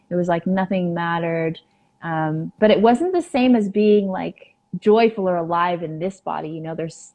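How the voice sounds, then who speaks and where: Appearing as a podcast guest, a woman tells a personal story earnestly but haltingly, using lots of fillers. Her voice is fairly low and mellow.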